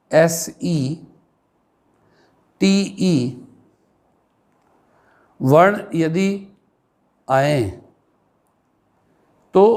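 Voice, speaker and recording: Indian male teacher, fairly high voice, very slow delivery, spells words letter by letter for a pronunciation class. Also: a little mellow. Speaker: English teacher.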